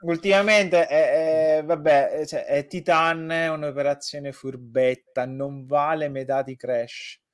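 A man's voice: on the high side, steady tone, unhurried, hardly any pauses, no room sound. Vehement man talking film, dry close sound. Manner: vehement, sarcastic, swears freely. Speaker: podcast co-host. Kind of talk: casual opinionated film chat.

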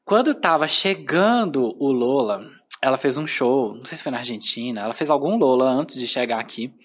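Man, Brazilian Portuguese accent, podcast guest, casual storytelling, very expressive pitch. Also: moderate pace. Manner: animated storyteller, heavy use of filler phrases.

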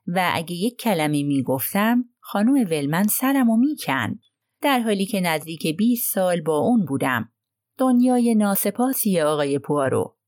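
A prim, self-righteous old housekeeper, as a woman reader puts her on airs her grievances in a low, dry voice. She sounds indignant and sure of her own virtue, an audiobook character heard close to the mic. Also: sing-song, a little mellow, no echo. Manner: indignant, aggrieved complaining.

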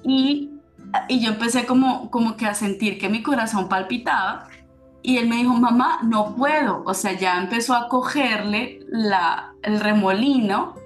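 A woman's voice: fairly high pitch, normal speed. A woman telling a personal story with emotion and turning it into a spiritual teaching. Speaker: spiritual speaker. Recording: roomy echo with faint music.

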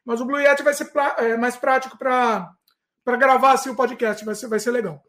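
High-voiced animated male podcast host. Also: brisk. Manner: animated storyteller with frequent restarts. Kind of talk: casual podcast storytelling.

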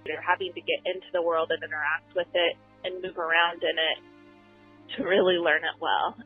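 A woman's voice: on the low side, flat delivery, normal speed, husky, soft background music. A woman speaking as a homeschooling parent, explaining in a casual, conversational way. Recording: tinny phone-like line.

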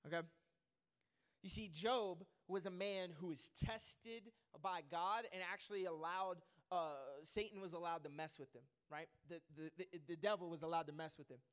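A man preaching a sermon as a pastor, lively and joking, rambling with fillers and restarts. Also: high voice, moderate pace, clean tone.

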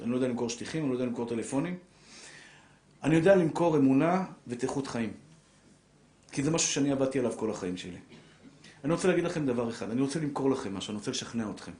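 A middle-aged man giving a religious lecture on marriage, animated and preacherly, swinging between soft, low lines and raised, pressing ones. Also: slight background noise. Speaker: rabbi lecturer. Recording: echoey room.

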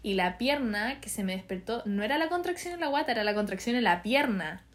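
A woman's voice: fairly high pitch, expressive, brisk. A young woman with a Chilean accent, telling her own story in casual chat and acting out what people said to her.

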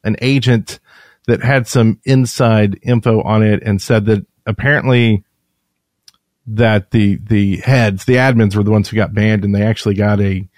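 A podcast co-host chats casually, rambling along and correcting himself as he goes. His voice is fairly low with a darkish tone, recorded at studio quality with no room sound.

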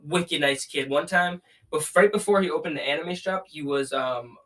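A man's voice: fairly high pitch, moderate pace, a bit bright. A young man hosting a casual podcast in a slangy, profane frat-bro manner. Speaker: podcast host.

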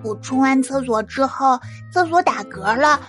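A woman's voice: high voice, animated, moderate pace, fairly bright tone. A woman voicing a curious, innocent little boy who asks earnest questions, with music behind.

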